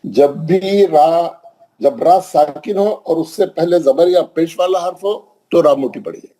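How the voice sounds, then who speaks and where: A man teaching Quran recitation rules, asking questions and answering them, with slow drawn-out recited examples. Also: fairly high pitch, dark tone, rough recording. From Hyderabad, India. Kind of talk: classroom tajweed lesson.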